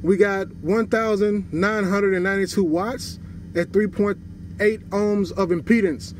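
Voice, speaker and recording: A car audio reviewer and host explains each step of his hands-on product test, speaking to "you guys." His high voice has fairly even intonation and an unhurried pace. There's clear background noise from the vehicle.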